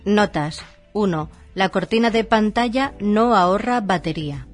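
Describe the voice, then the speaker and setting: Woman reading out a how-to manual, formal, short items, normal pitch, faint music behind. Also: lively intonation, unhurried. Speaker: narrator of an instruction manual. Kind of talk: scripted instructional narration.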